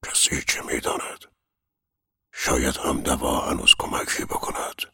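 A man's voice: very deep voice, expressive, vocal fry, bright, forceful tone, husky, exaggerated voice. A man voicing a dying middle-aged man in pain, whispering his inner thoughts and giving curt, weary replies. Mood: whispered despair.

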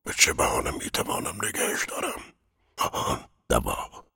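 A man's voice: extremely low pitch, animated, vocal fry, bright, forceful tone, husky, heavily acted. A man voicing a dying middle-aged man in pain, whispering his inner thoughts and giving curt, weary replies. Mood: whispered despair.

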